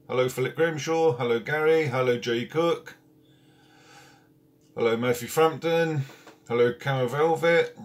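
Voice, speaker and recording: A man hosting a casual live stream from home, chatting and greeting viewers one by one by name. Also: medium pitch. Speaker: carp fishing channel host. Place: at home, indoors.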